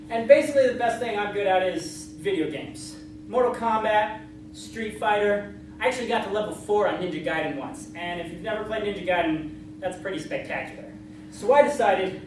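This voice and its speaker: A person telling a tall tale to a live audience in an animated way, acting out bits of dialogue as they go. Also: medium pitch, normal speed. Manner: animated, acts out dialogue and moves. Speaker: contestant in a storytelling contest. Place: live event room with an audience. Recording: very echoey, noisy room, distant mic.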